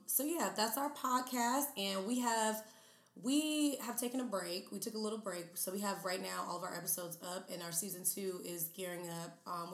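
A woman in her mid-twenties, a podcast guest talking in a chatty, animated way with many fillers. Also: mid-range voice. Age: 20s. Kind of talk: casual interview chat. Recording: roomy echo.

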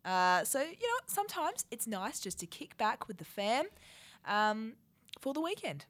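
A young Australian woman co-hosting radio in casual chat, her voice croaky and hoarse from a head cold, chatty and self-deprecating. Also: a little high, sing-song, a little slow, a bit bright. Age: young adult. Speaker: radio co-host.

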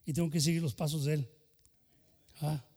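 Older pastor preaching passionately in a hall. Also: male voice, fairly high pitch, fairly even intonation, normal speed, warm tone. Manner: impassioned, switching between Spanish and English. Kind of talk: bilingual sermon.

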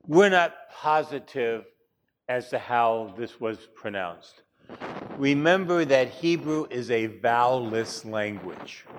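A man teaching a class, chatty, with wry asides and frequent fillers. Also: mid-range voice. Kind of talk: classroom lecture.

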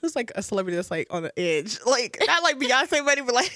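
A young woman chatting casually, full of fillers and quick impressions of people she quotes. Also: fairly high pitch, sing-song, fairly bright tone, no room sound, studio quality. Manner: laid-back, lots of fillers, mimics people with quick quoted asides. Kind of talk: casual chat.

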